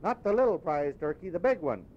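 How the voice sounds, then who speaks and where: Man putting on an eager, high-voiced young boy. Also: big pitch swings, a little fast. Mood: eager, wondering. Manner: short, bright, wondering replies. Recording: dull, noisy recording with low rumble.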